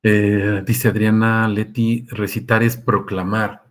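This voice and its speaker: A man's voice: fairly low pitch, little pitch movement, takes it slowly. Man; casual preacher taking questions, acts out quotes. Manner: conversational, asks listeners often, acts out quotes. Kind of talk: sermon with live Q&A.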